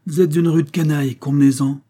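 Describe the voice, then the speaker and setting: A man reading a novel aloud, voicing a furious, swearing older wine salesman in a raised, loud voice. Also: lowish voice, normal speed, natural voice.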